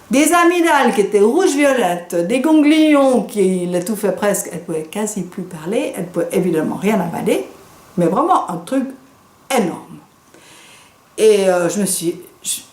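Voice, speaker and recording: A woman doctor with a French accent, teaching a course, who tells a patient case in a lively way and acts out the dialogue. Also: mid-range voice. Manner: lively, animated storytelling with quoted dialogue. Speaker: doctor and trainer. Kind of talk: storytelling lecture. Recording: echoey room.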